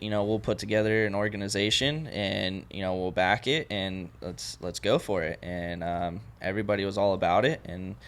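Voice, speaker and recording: A young man speaks as a podcast guest in a low, smooth, resonant voice. He rambles in a relaxed way, padding his thoughts with fillers. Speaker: podcast guest and event organizer. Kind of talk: casual podcast chat.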